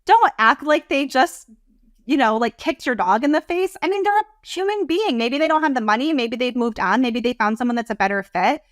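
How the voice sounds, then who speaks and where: A woman coach speaks as a podcast guest in an animated, rambling, heartfelt way. Her voice sits a bit high, and the sound is dry and close with no room echo. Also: brisk. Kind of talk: casual interview talk.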